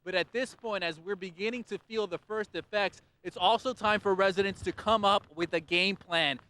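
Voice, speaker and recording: A man's voice: high-pitched, normal speed, bright, forceful tone. A man reporting live for TV news from a windy beach, with an urgent, projected delivery. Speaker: field reporter.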